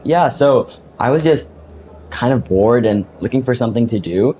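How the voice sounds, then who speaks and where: In a podcast booth at a tech event, a teenage boy from the United States is interviewed as a guest inventor. His mid-range, dark-toned voice has lively intonation at a normal speed, and he earnestly explains his work, laughing easily, over slight background noise.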